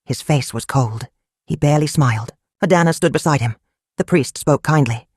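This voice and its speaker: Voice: medium pitch, normal speed, a little mellow, slightly rough, no room sound, clean studio sound. A storyteller narrating a folktale in short, simple, clipped sentences.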